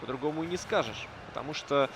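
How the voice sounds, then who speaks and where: A man's voice: fairly high pitch, fast. A man giving live play-by-play commentary on an esports hockey match, often hesitating between phrases. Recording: crowd noise behind. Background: crowd noise.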